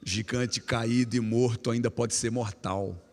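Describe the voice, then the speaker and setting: A man preaching a lively youth sermon, telling stories with humor and bursting into shouts. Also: medium pitch, measured pace. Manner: animated, humorous storytelling, sudden shouts. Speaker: guest pastor. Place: church hall. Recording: echoey church hall.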